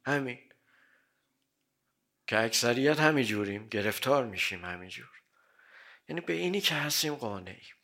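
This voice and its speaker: A man giving a religious sermon, quoting Arabic sayings and explaining them in everyday Persian, often clearing his throat. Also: medium pitch, lively intonation, pauses often, sharp tone. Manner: quotes Arabic hadith then explains in plain Persian. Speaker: cleric.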